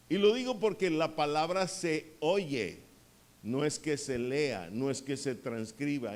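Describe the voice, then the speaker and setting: A male pastor delivers a sermon in a church hall. His voice sits high, and his delivery is slow and deliberate. He keeps putting questions to the congregation and leans hard on the key words. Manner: asks the congregation questions and waits for answers; emphatic, rises on key words.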